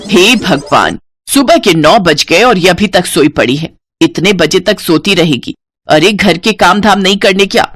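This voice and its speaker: A woman voicing a harsh, cruel stepmother in a cartoon story, who scolds in a sharp way. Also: on the low side, expressive, measured pace, no echo, clean studio sound. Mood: scolding.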